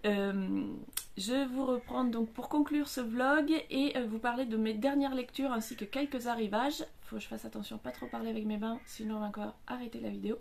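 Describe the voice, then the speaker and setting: Woman, book vlogger, casual chat, slightly high voice, hesitant, many fillers. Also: fairly even intonation, brisk, vocal fry. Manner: talks with her hands. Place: outdoor terrace.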